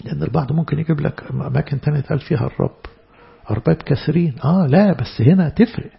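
A man with an Egyptian Arabic accent preaching a church sermon, stressing words loudly and then dropping into soft asides. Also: on the high side, rapid-fire, creaky, slightly rough, highs cut off. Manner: emphatic, swinging between loud stresses and soft asides.

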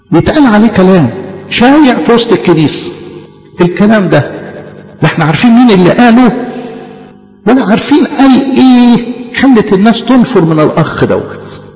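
A man's voice: high-pitched, a little mellow. A man preaching a sermon with an Egyptian Arabic accent, firing off rhetorical questions and acting out both sides of imagined exchanges. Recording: echoey church hall, dull lo-fi sound with faint music.

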